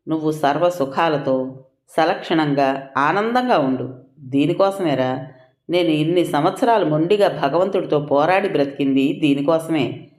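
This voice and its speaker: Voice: mid-range voice, a little mellow, natural voice. A narrator voicing a hurt, furious middle-aged mother who speaks bitterly and emotionally to her son, recorded with a roomy echo.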